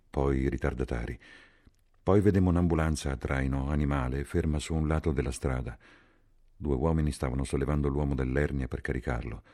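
A man reading a novel aloud in a measured, sober narration. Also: very deep voice, warm tone, no room sound, studio quality. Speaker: audiobook reader. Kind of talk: literary audiobook narration.

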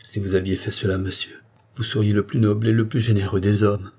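A man's voice: lowish voice, little pitch movement, brisk, warm tone, husky. A man voicing an anguished young noblewoman torn by forbidden love, in an audiobook reading, pleading and exclamatory. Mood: rapturous.

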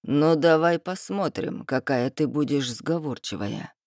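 Woman doing a big nasty thug boss, slow low sneering drawl, deep and dry, audiobook. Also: animated, darkish tone, no room sound. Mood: leering, commanding. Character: hulking male thug leader, crude and menacing.

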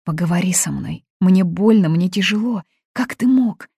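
A woman's voice: expressive, moderate pace, creaky, mellow, slightly rough, no room sound, studio quality, full character voice. A woman reading aloud, voicing a young woman who is crying and pleading in distress. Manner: pleading, high-strung. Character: young woman, sobbing, desperate bride-to-be. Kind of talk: audiobook reading.

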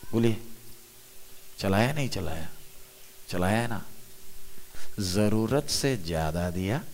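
Slow, deep-toned preacher in a reverberant hall. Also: male voice, a little hiss or hum. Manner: asks the audience questions and answers them himself. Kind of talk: sermon. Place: large hall at a youth conference.

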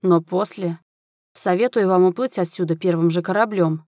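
A woman's voice: on the low side, moderate pace, warm tone, no room sound, clean studio sound, lightly acted. A woman voicing a stern male lord and soldier who speaks curtly and commandingly. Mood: cold command. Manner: curt, commanding. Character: stern cold male military lord, quick to anger.

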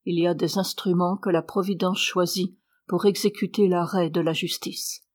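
A woman reading aloud, voicing an anxious aristocratic mother who speaks in a hushed, grave way. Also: fairly low pitch, fairly even intonation, normal speed, close to an everyday voice.

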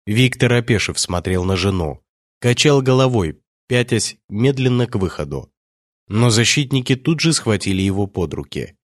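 A man narrating an audiobook in a steady, measured reading. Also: lowish voice, dry recording, studio quality. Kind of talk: scripted narration.

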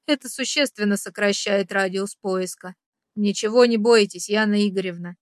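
A woman's voice: medium pitch, normal speed, dry recording, clean studio sound, lightly acted. A woman voicing a stern male security chief who speaks formally and reassuringly in an audiobook. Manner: strict formal address, reassuring.

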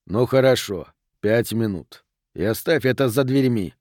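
A weary, gruff male police lieutenant speaks in a blunt, exasperated way, voiced by a male narrator. His lines come slow and heavy in a storybook reading. The sound is dry and close. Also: mid-range voice, darkish tone, no room sound, close to an everyday voice.

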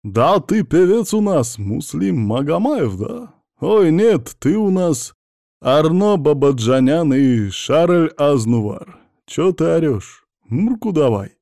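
A man's voice: fairly high pitch, big pitch swings, slow pace, gravelly, warm tone, no room sound, clean studio sound, voice pushed up, full character voice. A man voicing a menacing older male gang boss who taunts his captive mockingly. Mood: taunting.

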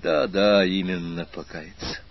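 A man narrating an audiobook in a measured, expressive reading with a husky voice. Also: sits low, muffled recording. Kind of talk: scripted narration.

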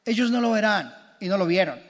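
A man's voice: sits high, animated, brisk. A man preaching a sermon as pastor, impassioned and building through repeated phrases. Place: church. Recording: long church reverb.

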